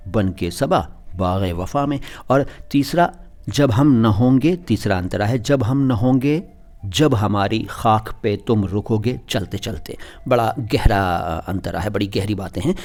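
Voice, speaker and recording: A man's voice: medium pitch, a little mellow. A man, patiently explaining song lyrics and correcting pronunciation in a language lesson. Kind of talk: explanatory lesson on Hindi and Urdu word pronunciation.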